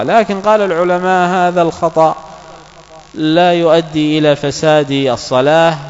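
A man teaching Quran recitation in a slow, deliberate religious lesson, stressing each letter as he corrects pronunciation. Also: on the high side. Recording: dull lo-fi sound with long reverb and hum.

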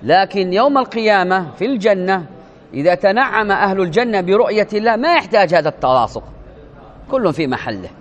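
A man giving a religious lesson, speaking deliberately, repeating words, spelling out pronunciations and asking the listeners rhetorical questions. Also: high voice, lo-fi sound. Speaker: religious teacher. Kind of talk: religious lesson explaining a hadith.

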